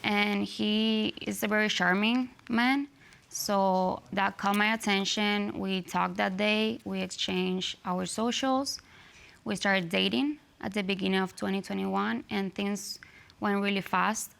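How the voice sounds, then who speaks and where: On a TV court show set in a studio courtroom, a young Cuban litigant whose first language is Spanish gives her side of things conversationally, with a Cuban accent. Her medium-pitched voice is steady, gravelly and fairly bright, at a measured pace.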